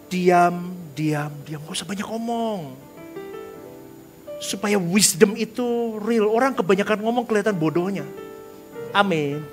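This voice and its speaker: Energetic joking male pastor preaching. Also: sits high. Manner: energetic and joking, sprinkles English words. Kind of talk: lively sermon with audience call-and-response. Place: church service before a congregation.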